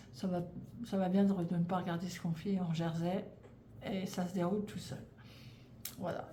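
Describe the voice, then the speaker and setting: Recorded in an echoey space with slight background noise, a French woman in her thirties rambles casually about knitting. Her medium-pitched voice is a little mellow, and her speech is full of fillers, stumbles and restarts as she vlogs.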